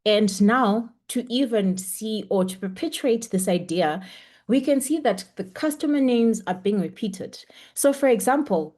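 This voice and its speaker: This webinar instructor is a young woman whose voice sits in the mid-range with a darkish tone. Speaking through her computer mic on a video call, she gives an online lecture in a chatty, supportive manner, frequently saying um.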